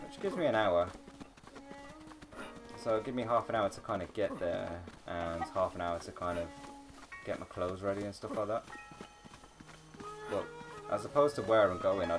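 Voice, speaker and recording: A man chatting casually while streaming a video game, rambling about plans and gameplay, with loud game music behind him. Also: low-pitched. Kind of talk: casual live-stream commentary.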